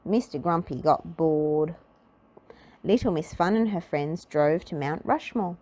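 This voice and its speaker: A woman with a low voice narrates a children's storybook aloud, expressive yet measured in her storytelling.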